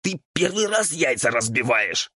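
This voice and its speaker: A man's voice: mid-range voice, lively intonation, slow pace, fairly bright tone, slightly rough, no echo, clean studio sound, pitched above the performer's own voice, exaggerated voice. A man voicing a fussy, irritable male ghoul cook who hisses and scolds in a strained, altered timbre. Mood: exasperated. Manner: scolding, bossy.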